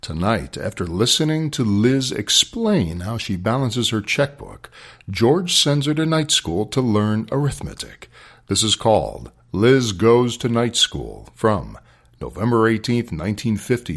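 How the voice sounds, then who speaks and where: A male podcast host giving a measured, low-key scripted introduction. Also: sing-song.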